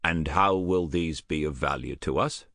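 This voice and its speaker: Shrewd rotund old army colonel with a faint scottish trace, a man reading him, deep and dry, audiobook. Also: moderate pace, a bit bright, dry recording. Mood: dry probing. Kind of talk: audiobook character voice.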